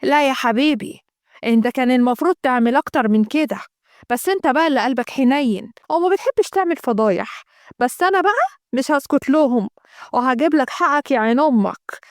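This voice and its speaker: A woman's voice: sits high, expressive, fast talker, dry recording, clean studio sound. A woman voicing a spiteful, scheming Egyptian mother who eggs on her son. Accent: Egyptian Arabic. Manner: spiteful, scornful.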